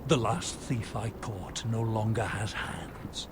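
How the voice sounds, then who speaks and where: An actor playing a gruff, harsh commander of recruits in a fantasy video game. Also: male voice, on the low side, slow, noisy background. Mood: stern, scornful.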